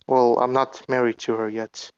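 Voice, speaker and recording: A man's voice: mid-range voice, little pitch movement, moderate pace, a little mellow, smooth, no room sound, highs cut off. A man talking through a voice changer, giving curt, unbothered answers as the interviewee. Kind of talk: casual online interview.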